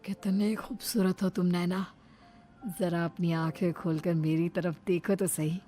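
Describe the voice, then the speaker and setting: A woman's voice: fairly low pitch, steady tone, unhurried, dark tone, soft background music, natural voice. A woman voicing a greedy young groom in a cartoon moral story, exclamatory and complaining. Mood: coaxing. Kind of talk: dramatized Hindi cartoon story acting.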